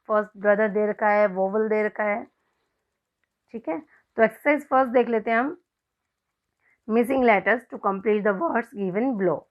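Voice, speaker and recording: A woman teacher with an Indian accent walks through spelling rules in an online class, mixing Hindi and English. She talks very slowly and spells each word out letter by letter in a fairly high voice. The recording sounds muffled and lo-fi. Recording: dull lo-fi recording.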